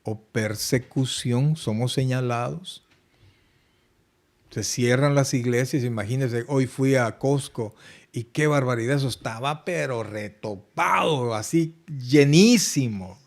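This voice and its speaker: A man's voice: medium pitch, takes it slowly. A male pastor preaching an online Bible study sermon, fervent and emphatic, often turning to address his listeners directly. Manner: quotes worried congregants in a put-on plaintive voice. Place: church streaming an online service.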